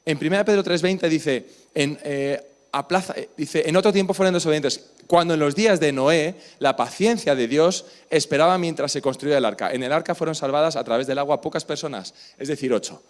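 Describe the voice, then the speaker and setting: A man's voice: a little high, a little fast. A man with a Spain Spanish accent preaching a sermon in church, talking with the congregation and asking them questions. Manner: conversational, asks the congregation questions. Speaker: pastor. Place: church service.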